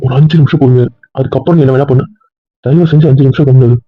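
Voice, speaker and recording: ஒரு ஆண் நடிகர், அவளைப் பார்க்க வேண்டும் என்று திரும்பத் திரும்பக் கெஞ்சும் பதற்றமான இளைஞனாக நடிக்கிறார். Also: male voice, medium pitch, steady tone, very fast. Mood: begging. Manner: pleading, repeats please. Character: anxious young man begging to see her. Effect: heard over a video call. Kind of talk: web serial acting. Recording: tinny phone-like lo-fi sound.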